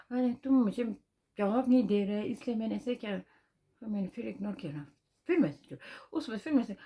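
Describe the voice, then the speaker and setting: A woman's voice: a little high, a little mellow. A Tibetan woman with a Tibetan accent, telling a personal story in a chatty vlog, repeating phrases and tagging questions as she goes. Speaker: vlogger.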